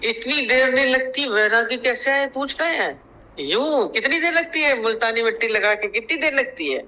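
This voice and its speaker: A man's voice: very high voice, animated, normal speed, sharp tone, low-quality recording. A man giving a spiritual discourse as a teacher. He tells stories, acts out their dialogue, and repeats phrases to press his point. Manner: storytelling, acting out quoted dialogue.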